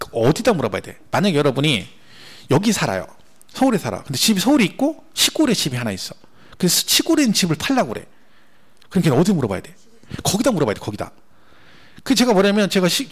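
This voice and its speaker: Male instructor lecturing an exam-prep class, brisk and lively, voice a bit higher than most men. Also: gravelly. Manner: animated, repetitive, rhetorical questions to class. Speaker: tax law instructor.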